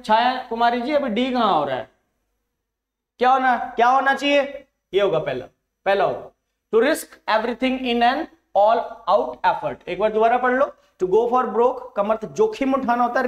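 A man with a fairly high voice runs a live online exam-prep lesson, mixing two languages as he goes. He coaxes his students along, calling them "beta", and stretches each English phrase out slowly. The room around him sounds roomy and echoey.

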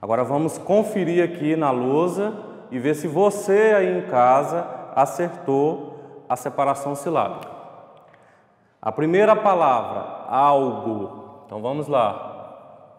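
A male primary school teacher with a Brazilian Portuguese accent gives a recorded remote class. He draws out syllables slowly and speaks in an encouraging way. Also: fairly high pitch, animated. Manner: slow, drawn-out syllables when spelling words, encouraging. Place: classroom with a whiteboard. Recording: echoey classroom with long reverb.

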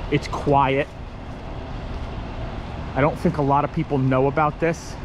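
A man's voice: a little high, level tone, unhurried, noisy background. A man in his forties, a truck driver, rambling easily to a camera held at arm's length, first outdoors at a truck stop and then inside his truck cab. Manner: rambling, easygoing, talks with many fillers. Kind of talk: casual vlog talk to camera. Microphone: handheld camera at arm's length.

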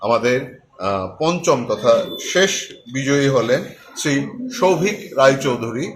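A man formally announcing prize winners, reading names and numbers in short, deliberate phrases. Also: mid-range voice, expressive, faint music behind. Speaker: company managing director announcing prize winners.

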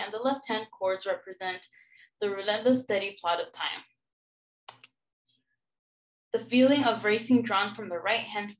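A young woman gives a student lecture on a song cycle, pointing out highlighted passages in the score as she goes. Her voice sits at an ordinary middle pitch, and her delivery is explanatory and academic. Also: poor audio. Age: young adult. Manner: explanatory, walking through a score. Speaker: music student presenting a lecture recital. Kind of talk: academic presentation.

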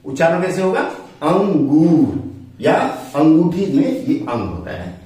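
A man's voice: fairly high pitch, wildly swooping pitch, brisk, a little mellow. Patient male Hindi teacher in an echoey room. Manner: patient, repeats and asks the learner questions. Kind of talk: step-by-step script lesson at a board. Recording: echoey room, mic far off.

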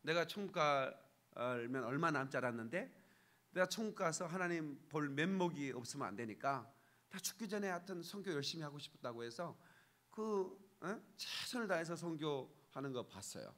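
Male pastor, bright and slightly high voice, conversational sermon with emphatic surges. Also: expressive, moderate pace. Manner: conversational preaching, repeated asking for agreement, bursts of raised emphasis. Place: church sanctuary.

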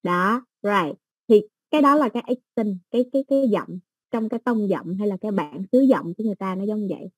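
A woman teaching an English exam-prep lesson, explaining slowly with everyday examples and many fillers. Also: mid-range voice, expressive, husky, no echo, low-quality recording.

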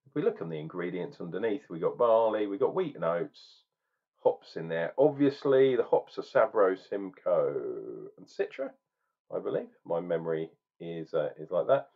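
A man's voice: deep voice, very animated, normal speed, creaky, slightly rough. Rambling, opinionated man on a webcam. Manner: opinionated, ranting, rambling and jokey. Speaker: beer reviewer. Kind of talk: casual beer review vlog. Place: small room at home, indoors. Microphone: webcam at desk. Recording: dull lo-fi webcam sound.

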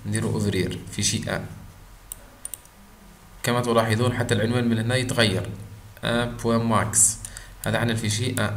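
A man with an Algerian Arabic accent giving a screen-recorded software tutorial, pausing often on drawn-out fillers and mixing in French terms. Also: on the low side. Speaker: software instructor. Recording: roomy echo with faint background noise.

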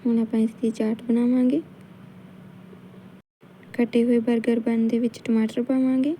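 A cooking channel host with a Punjabi accent narrates a home recipe tutorial in calm, steady steps at a moderate pace. Her very dark, mellow voice sits slightly high and stays flat and even. The rough recording carries a faint hiss of noise.

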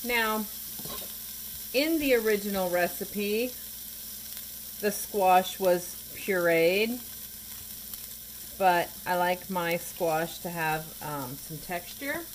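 A woman's voice: on the low side, drawn-out words, long pauses, slight background noise. A woman narrating her home cooking in a casual, chatty way, with wry asides as she stirs a pot in her kitchen.

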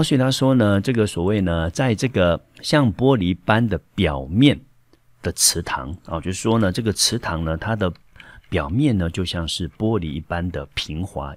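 A male high school English teacher with a Taiwanese Mandarin accent, explaining a textbook passage step by step with frequent fillers. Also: no room sound.

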